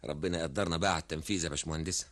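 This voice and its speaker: A man's voice: very deep voice, fairly even intonation, rapid-fire, fairly bright tone. An actor with an Egyptian accent playing Ahmed, a polite male engineer, in a radio drama. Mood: friendly.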